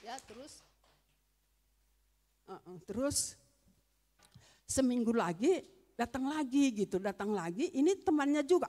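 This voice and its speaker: A woman's voice: mid-range voice, a little mellow. A middle-aged woman giving a storytelling testimony in a church service, acting out both sides of remembered conversations and calling the listeners brothers and sisters.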